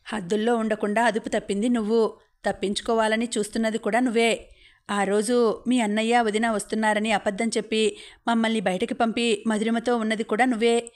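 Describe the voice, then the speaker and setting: Give me a woman voicing a sly, taunting young man from an audiobook, in a steady, level voice. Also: on the high side, a little fast, close to an everyday voice. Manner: mocking, needling.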